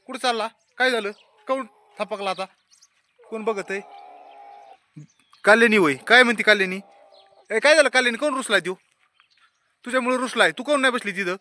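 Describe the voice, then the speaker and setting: A man's voice: sits high, a little fast, long pauses, pushed and bright. A man, vlogging casually while scolding and coaxing a small child at home. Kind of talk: casual family vlog chatter.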